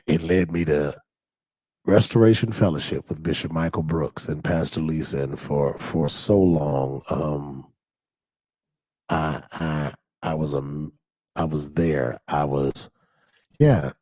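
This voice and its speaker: A pastor from Detroit preaches in a low, husky voice with a Detroit accent. His tone is dark and mellow, and his words sound dry and close. When he is stirred, his voice climbs into high, excited calls. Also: no room sound. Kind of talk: conversational sermon. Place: church in Detroit.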